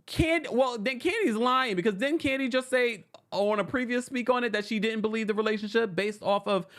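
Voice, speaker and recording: A man's voice: extremely high pitch, fairly quick. A man hosting a live-stream recap, reading fan messages aloud and riffing in a sassy, laughing way. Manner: sassy, animated, laughs often. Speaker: recap show host.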